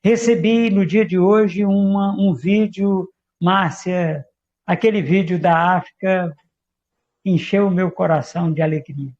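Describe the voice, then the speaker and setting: A man's voice: high voice, unhurried, darkish tone. A man with a Brazilian Portuguese accent, preaching as an apostle, praying fervently and repeating "Father" and "Lord" between phrases. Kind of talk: sermon with prayer. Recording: dull lo-fi livestream audio.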